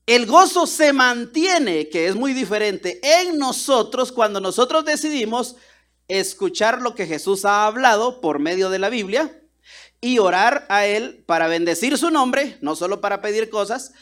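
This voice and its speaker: A man's voice: sits high, moderate pace. A man from Guatemala, preaching a sermon and telling stories, acting out the dialogue in different voices. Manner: animated, acts out dialogue with voices. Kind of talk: sermon with storytelling.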